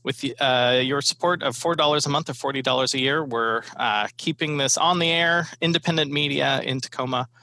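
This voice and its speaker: Bright, creaky-voiced man hosting. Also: mid-range voice, no echo. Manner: halting, hesitant phrasing. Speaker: podcast host. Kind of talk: casual interview hosting.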